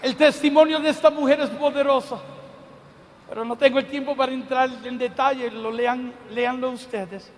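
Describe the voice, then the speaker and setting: A man preaching a sermon with fervor, often pausing to address the listener fondly. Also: very high-pitched, fairly even intonation, a little hiss or hum. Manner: fervent, repeats a fond address to the listener. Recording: long hall reverb.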